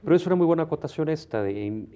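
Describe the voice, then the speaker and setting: A man's voice: on the high side, expressive, very fast, dark tone, muffled recording. A Mexican man hosting a talk show who affirms his guests with short agreements before moving the conversation along. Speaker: host.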